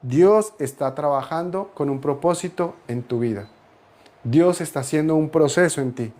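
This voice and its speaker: A man's voice: fairly high pitch, normal speed, a little mellow. A male pastor preaching a sermon, building emphasis with repeated phrases and rising peaks.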